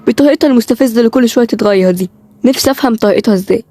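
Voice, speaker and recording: A woman's voice: fairly high pitch, rapid-fire, dark tone, lightly acted. A woman voicing Tamim, an irritable young man with an Egyptian accent who grumbles in exasperation. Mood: irritated. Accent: Egyptian Arabic.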